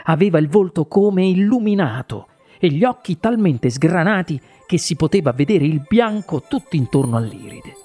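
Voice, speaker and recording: An audiobook narrator reading a children's story with animated, varied intonation. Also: mid-range voice, normal speed, soft background music.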